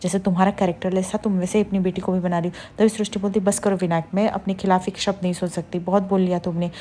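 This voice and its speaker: Fast-talking woman retelling a serial. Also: fairly low pitch, little pitch movement, mellow, slight background noise. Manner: rapid retelling with fillers, quotes each character in turn. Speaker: serial recap narrator. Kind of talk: casual story recap.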